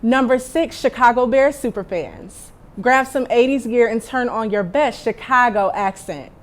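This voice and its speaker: Young woman, sports reporter, scripted countdown narration, fairly high voice, light delivery. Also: unhurried. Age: young adult. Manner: light, list-style countdown reading. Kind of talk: scripted news package narration.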